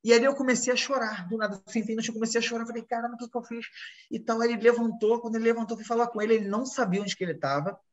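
A man's voice: extremely high pitch, lo-fi sound. A man from Brazil, a fighter, telling his stories in a casual interview and acting out what people said. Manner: fast, animated storytelling with acted-out quotes. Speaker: guest, MMA fighter.

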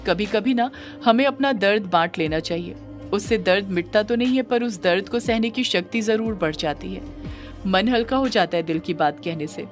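A woman's voice: medium pitch, normal speed, faint music behind, lightly acted. Woman doing a tender, teasing young woman. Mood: tender coaxing. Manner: tender, coaxing, playful.

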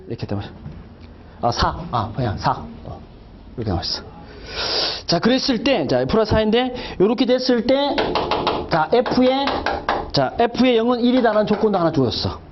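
A middle-aged male math teacher with a high voice that swings widely up and down as he talks. He jokes and fires rhetorical questions at his class. The recording is muffled and lo-fi, with a faint hiss underneath. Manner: chatty, jokey, talks to students with many rhetorical questions. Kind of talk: lecture.

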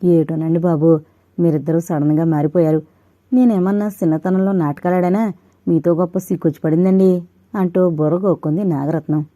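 A woman doing a loud, chatty village maid. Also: lowish voice, fairly even intonation, normal speed, no echo, natural voice. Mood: bewildered. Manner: loud, rustic village speech.

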